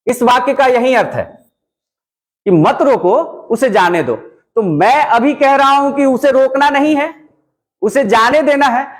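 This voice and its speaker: High-voiced man teaching a Hindi lesson. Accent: Bihari Hindi. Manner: explanatory, repeats points for emphasis. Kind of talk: classroom lecture. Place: classroom with a writing board.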